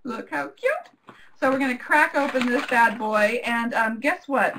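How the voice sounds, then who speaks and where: A woman's voice: fairly high pitch, unhurried, noisy background. A woman giving a live craft tutorial in a chatty, jokey manner with frequent fillers. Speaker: craft demonstrator.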